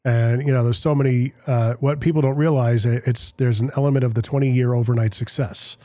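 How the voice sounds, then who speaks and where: Mellow and medium-pitched, this podcast host's voice runs a little fast with fairly even intonation and no echo. He's casually chatting in a business interview, rambling and restarting his sentences often.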